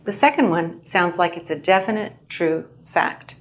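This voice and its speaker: A woman instructor giving a clear, measured lesson on how to present well. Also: fairly low pitch, lively intonation. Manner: clear, measured teaching delivery. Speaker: English language instructor. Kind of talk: instructional video narration.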